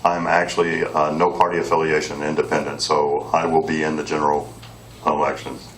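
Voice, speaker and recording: A man's voice: extremely low pitch, flat delivery, a little fast, a bit bright. A man in his forties giving an earnest campaign speech as a political candidate, with frequent fillers. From Clearwater, Florida. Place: meeting room. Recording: distant mic with faint background noise.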